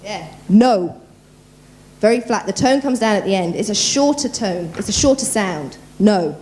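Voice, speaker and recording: Woman, voice coach, lively pitch swings, conference talk, faint background hum. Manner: lively, quick-talking, quizzes the audience. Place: conference room.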